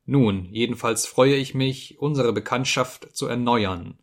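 Man reading a smug officer, lisping, drawn-out, condescending. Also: mid-range voice, close to an everyday voice. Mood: patronizing. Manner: lisping, hissing, drawn-out words.

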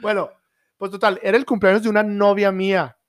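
A man's voice: high voice, level tone, fairly quick, no echo, studio quality. A young man, co-hosting a casual chat and telling a story full of crude slang.

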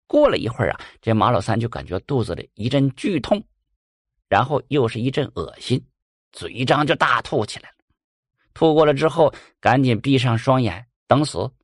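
Lively male folk-tale storyteller. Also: medium pitch, normal speed, dry recording, clean studio sound. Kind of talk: folk ghost story narration.

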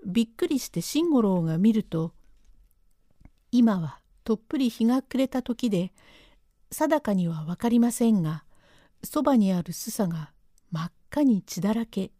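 A woman storyteller narrating a traditional tale in a measured, dramatic manner. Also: mid-range voice, lively intonation, mellow, no room sound, studio quality.

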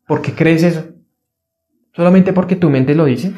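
A man speaks in an earnest self-help monologue, driving his points home through repetition. His voice sits a little higher than most men's yet sounds warm and mellow. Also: moderate pace, highs cut off. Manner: earnest, repetitive, acts out a fearful inner voice in a higher pitch. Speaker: motivational speaker.

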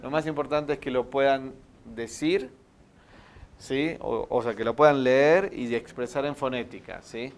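A man's voice: mid-range voice, a little hiss or hum. A man teaching a spiritual meditation class, explaining step by step and often checking with the students.

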